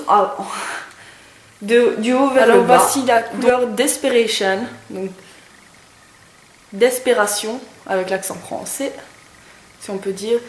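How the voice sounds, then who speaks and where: A young woman reviewing makeup in a casual, chatty way, with many hesitations and lots of enthusiastic praise. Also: on the high side. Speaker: beauty vlogger. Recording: echoey room with faint noise.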